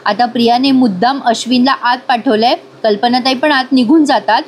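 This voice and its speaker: A woman's voice: normal speed, slight background noise. A woman narrating a voice-over recap of a TV serial, chatting to viewers and briefly acting out the characters' lines. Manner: chatty, addresses viewers, switches into characters' lines with raised pitch.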